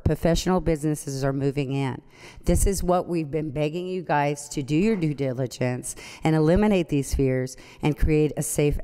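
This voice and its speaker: A woman's voice: sits low, a little mellow. A middle-aged woman giving an earnest, somewhat nervous public comment at a city council meeting, speaking into a podium microphone in a large chamber. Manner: earnest, pleading, a little nervous. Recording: long hall reverb from the chamber.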